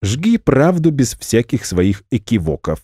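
A man's voice: medium pitch, big pitch swings, unhurried, mellow, breathy edge, no echo, studio quality, pitched above the performer's own voice. A man voicing a laconic, nonchalant teenage rebel girl. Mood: offhand. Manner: curt, nonchalant.

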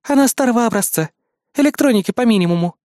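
A man voicing a cheeky, combative young female AI assistant in an audiobook, in a high excitable voice. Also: fast talker, dry recording, clean studio sound. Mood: eager.

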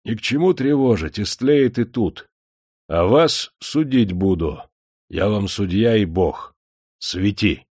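A man's voice: mid-range voice, lively intonation, measured pace, long pauses, a little mellow, voice pushed up. A man voicing a cruel, stern male master who threatens chained prisoners with a harsh, commanding voice.

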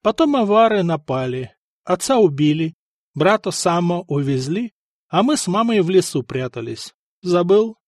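Male narrator doing a calm, earnest young Slavic seeker, pitched high and lively in the voice, dry close sound. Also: moderate pace, no room sound. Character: young Slavic man, calm, searching for his brother.

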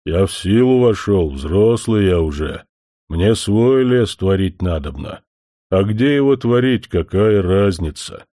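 A man voicing a young male forest spirit who speaks slowly and solemnly, a little louder than his narration. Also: fairly low pitch, lively intonation, no echo, studio quality. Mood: earnest. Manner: slow, deliberate, solemn.

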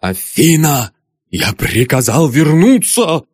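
Man as an old raging father, loud barking orders, raised pitch, dry audiobook sound. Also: animated, slow pace, slightly rough, no room sound, heavily acted. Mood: furious. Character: old man, furious tyrannical father, doctor.

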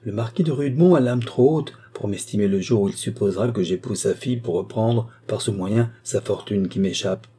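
A man's voice: on the low side, a little fast, hardly any pauses, mellow, husky. A man voicing a proud, principled young man who answers his mother firmly and earnestly. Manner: earnest, firm.

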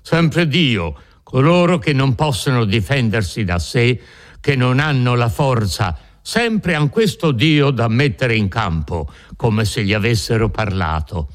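A feared nobleman's stern, commanding voice, read by a man, scornful and weighty. He speaks slowly and deliberately, a storybook villain used to being obeyed. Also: medium pitch, expressive, natural voice.

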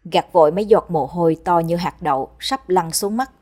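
A woman narrating a horror story in a steady, dramatic storytelling manner. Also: fairly low pitch, normal speed.

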